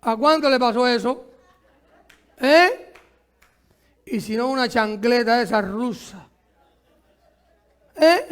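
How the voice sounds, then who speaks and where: A pastor preaching a sermon, asking the congregation rhetorical questions and drawing words out for emphasis. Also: male voice, extremely high pitch, lively intonation, fairly bright tone, clear, resonant tone. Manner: stretches words slowly for emphasis.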